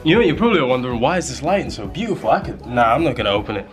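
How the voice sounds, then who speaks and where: A man's voice: mid-range voice, big pitch swings, rapid-fire, music in the background. Laid-back young man vlogging. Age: young adult. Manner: laid-back slangy rambling with repeated fillers. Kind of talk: casual vlog. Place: small hotel room, indoors. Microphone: handheld camera at arm's length.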